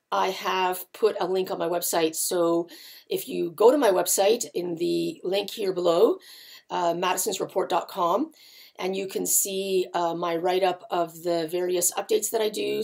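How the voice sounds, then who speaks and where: A middle-aged woman with a growly, gravelly voice, giving unscripted market commentary in an explanatory, halting way with pauses. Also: medium pitch, darkish tone. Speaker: market analyst and host. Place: indoors, seated before a patterned backdrop.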